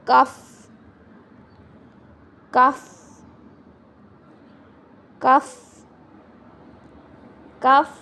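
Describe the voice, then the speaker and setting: A woman gives a vocabulary lesson at a very slow, deliberate pace, repeating every word several times. Her voice is fairly high with a gravelly edge, and a faint hum sits behind her. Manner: repeats each word slowly, saying the English words louder. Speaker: English teacher.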